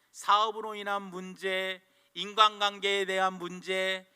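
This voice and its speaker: Brief: male pastor, storytelling sermon, high and very bright voice, long church echo. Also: clear, resonant tone. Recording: long church hall reverb.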